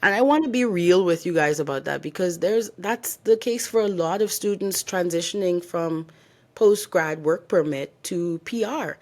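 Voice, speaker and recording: A young Bahamian woman co-hosts a casual podcast, candidly sharing her own story and offering advice. Her lowish voice is a little mellow, and she speaks at a normal pace.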